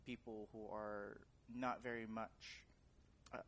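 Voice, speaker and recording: Young male guest from the Philippines, earnest and thoughtful with pauses, faint rumble behind. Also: little pitch movement, a bit bright. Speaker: guest, actor and director. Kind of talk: casual interview.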